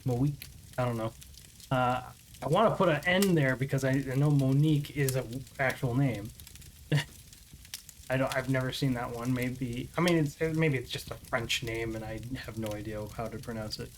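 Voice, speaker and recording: A man's voice: mid-range voice, normal speed, slight background noise. A man giving casual commentary while playing a mystery game, reading text aloud and musing. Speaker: let's play host.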